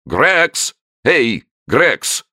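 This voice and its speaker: A man's voice: sits low, huge pitch swings, unhurried, creaky, no room sound, studio quality, pitched above the performer's own voice, exaggerated voice. A man doing a stern, blustering zoo director. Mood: outraged. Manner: loud, commanding outbursts. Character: stern, easily startled male zoo director.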